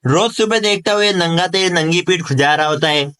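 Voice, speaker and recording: Man voicing a high, clear-voiced grumbling cartoon sidekick. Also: fairly quick, a bit bright. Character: put-upon bald servile sidekick, touchy but easily bought. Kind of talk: amateur animated comedy dialogue.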